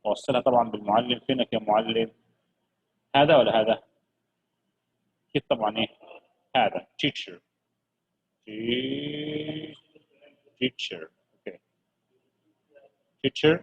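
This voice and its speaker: A man teaching children English vocabulary, lively and coaxing, repeating each word slowly for his pupils. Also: medium pitch, gravelly, slightly rough, dull audio.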